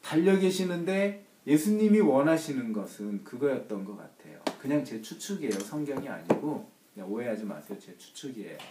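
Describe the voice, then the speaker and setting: A man's voice: medium pitch, mellow. A man leading a church Bible study. He speaks emphatically and asks the group rhetorical questions. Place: church room. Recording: roomy, distant mic, faint noise.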